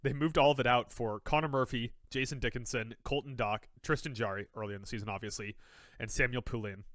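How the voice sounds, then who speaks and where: A man's voice: mid-range voice, quick pace, fairly bright tone, dry recording. A young man co-hosting a casual sports podcast, pushing back with playful, mock-dramatic stories. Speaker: podcast co-host.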